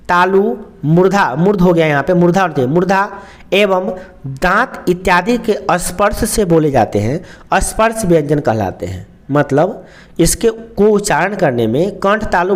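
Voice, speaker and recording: A young man with a high voice teaches a lesson. He goes slowly and repeats himself, stretching out each sound. He keeps asking a question and then answering it himself. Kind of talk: explaining a lesson.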